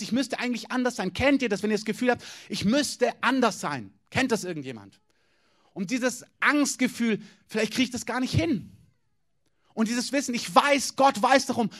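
Male pastor, high voice, direct conversational sermon delivery. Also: a bit bright. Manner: direct, informal preaching with questions to the congregation.

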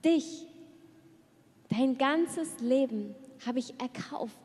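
Woman pastor giving a sermon, kinda high voice, goes soft and quiet when she prays, big reverby hall. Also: very slow. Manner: earnest, softening to a hush in prayerful moments. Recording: long reverb of a church hall.

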